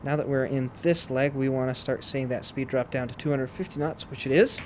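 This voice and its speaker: A man with a mid-pitched voice walks through a flight sim procedure as he plays. He explains each step casually, in the way of a tutorial. Aircraft simulator noise sits faintly to clearly behind his voice. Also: steady tone, brisk, a little mellow. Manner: explains step by step while playing. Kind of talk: casual instructional gameplay commentary.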